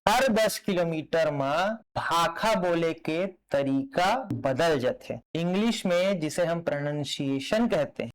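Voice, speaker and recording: High-voiced animated Chhattisgarhi teacher. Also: male voice, poor audio. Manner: animated, repeats words to drill pronunciation. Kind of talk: classroom lecture.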